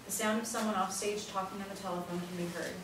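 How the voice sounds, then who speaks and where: A woman narrator reads scripted stage directions at a play reading, talking fast in a mid-range voice with a steady tone. She's far from the mic in a very echoey indoor room, and the recording is noisy.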